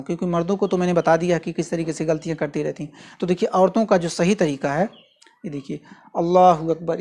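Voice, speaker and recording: A man giving a patient, step-by-step spoken lesson, repeating key phrases slowly and carefully. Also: sits high. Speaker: religious instructor. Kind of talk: instructional demonstration.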